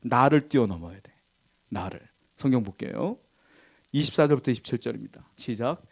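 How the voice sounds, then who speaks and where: A man preaching as a pastor, asking the congregation questions, reading scripture aloud, and swinging between loud emphatic lines and quiet asides. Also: medium pitch, animated, normal speed, creaky. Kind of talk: sermon. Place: church.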